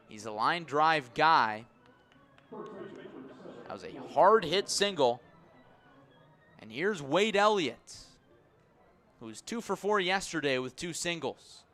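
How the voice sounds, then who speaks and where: Big plays draw excitement from this male radio announcer, who otherwise keeps a measured tone between pitches as he calls baseball play by play live.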